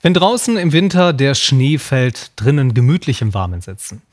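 A man presenting the news as anchor, with a measured, emphatic scripted delivery. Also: medium pitch, very animated, darkish tone, a little hiss or hum.

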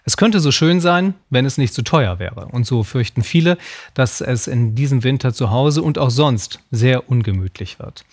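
A man presenting the news as anchor, with a measured, emphatic scripted delivery. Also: mid-range voice.

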